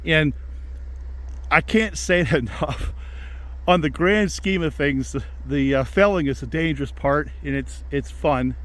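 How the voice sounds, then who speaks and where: A man's voice: on the high side, unhurried. A man talking casually to camera as a working logger, in a folksy, plain-spoken way, outdoors in the woods. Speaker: logger presenting a video about his work. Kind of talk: casual vlog talk.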